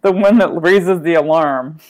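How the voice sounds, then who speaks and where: A woman's voice: fairly low pitch, unhurried, a little mellow. A woman playing a tabletop game, talking casually as she asks questions and weighs options.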